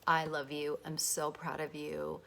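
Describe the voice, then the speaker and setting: A woman talking to camera as a self-help host, emphatic and swearing freely, dropping at times into soft whispered asides. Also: deep voice, monotone, measured pace, creaky, slight background noise. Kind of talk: motivational self-help monologue.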